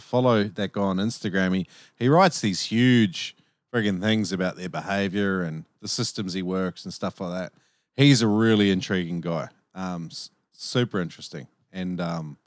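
A man's voice: on the low side, no room sound, clean studio sound. A man hosting a podcast in casual chat, with a blokey, slangy and sweary way of talking. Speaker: podcast host.

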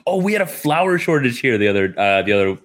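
A man's voice: mid-range voice, big pitch swings, fast talker, fairly bright tone. A man hosting a casual discussion in a conversational way.

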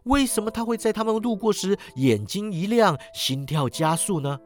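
A man reading a story aloud, expressive, his voice rising and sinking with the scene. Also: high-pitched, moderate pace, faint music behind. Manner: expressive, rises and sinks with the scene. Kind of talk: storytelling narration.

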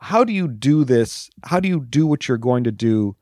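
A male interviewer who asks halting, wry questions full of restarts. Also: mid-range voice, lively intonation, darkish tone, no room sound, studio quality.

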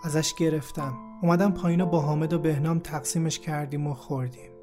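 A man narrating a first-person memoir in a steady, reflective way. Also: fairly high pitch. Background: faint background music.

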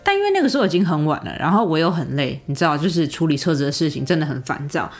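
A woman's voice: low-pitched, rapid-fire. A young woman hosting a podcast, telling a personal story in a chatty, casual way with many fillers and asides to the listener. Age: young adult. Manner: chatty, animated, lots of fillers and rhetorical asides. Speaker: podcast host.

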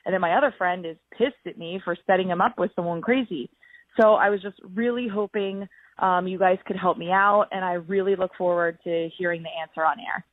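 Caller: woman from Illinois, lowish voice, chatty voicemail message over a thin phone line. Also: a little fast, no room sound. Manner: chatty, with many fillers. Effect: voicemail played on air.

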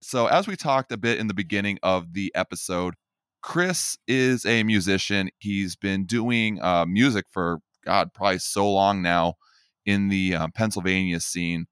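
A man with a very deep, smooth voice hosts a casual podcast interview. He sounds upbeat and encouraging and talks straight to his listeners. The sound is close and dry. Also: unhurried, fairly bright tone, dry recording. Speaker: podcast host.

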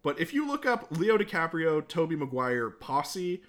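Man, podcast co-host, casual film talk, lively, animated pitch, opinionated. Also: moderate pace. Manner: enthusiastic, opinionated, lively, fond of film trivia.

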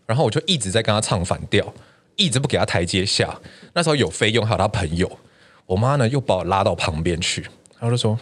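A man, co-hosting a casual podcast and telling animated stories with plenty of swearing and loud laughs. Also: on the low side. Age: 30s. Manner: animated storytelling, swears often, big laughs. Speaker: podcast co-host.

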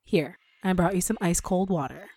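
A woman's voice: fairly low pitch, moderate pace, dark tone, husky. A woman playing a sardonic but supportive farmer's wife in an audio story, with a dry, skeptical manner. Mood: caring. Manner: dry, sarcastic.

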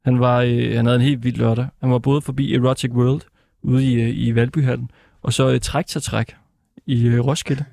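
A man's voice: mid-range voice, little pitch movement, vocal fry, mellow. A male radio host chatting casually with a guest, with many hesitations.

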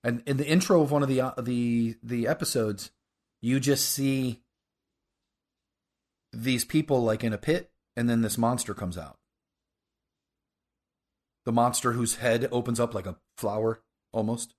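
A man hosting a casual podcast, talking about a show in a halting, enthusiastic way. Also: mid-range voice, a little mellow. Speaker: podcast host.

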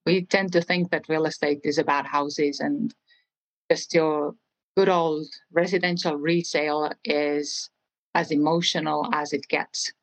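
In a roughly recorded podcast interview, a real estate trainer in her forties speaks with an Estonian accent. Her voice sits low, steady, and a little slow as she answers thoughtfully and earnestly, frequently starting sentences over.

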